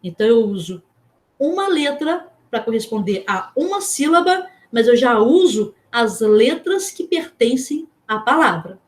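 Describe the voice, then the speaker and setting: A woman's voice: on the high side, sing-song. Brazilian woman teaching, asking the class questions. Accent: Brazilian Portuguese. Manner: explains with questions to the class, checking in with "certo?"; spells out letters slowly. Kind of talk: online class lecture.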